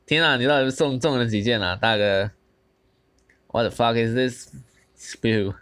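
Excitable young man commentating gameplay. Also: medium pitch, measured pace. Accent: Taiwanese Mandarin. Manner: excited, switches between Mandarin and English, lots of exclamations. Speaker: gaming channel host.

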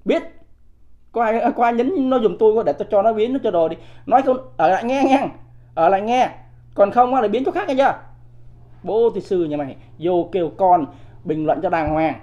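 A man's voice: sits high, normal speed, warm tone, muffled recording. A man, hosting a livestream of political commentary. He talks off the cuff, keeps asking the audience rhetorical questions, and scolds commenters bluntly. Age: 50s. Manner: combative, scolds viewers in blunt coarse language.

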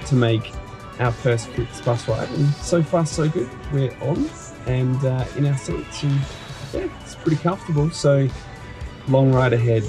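A young Australian man shoots a casual travel vlog on a handheld camera held at arm's length, moving through an apartment, a bus and a border checkpoint. His mid-range voice is unhurried, chatty and upbeat, and he laughs often. Background music plays under the recording.

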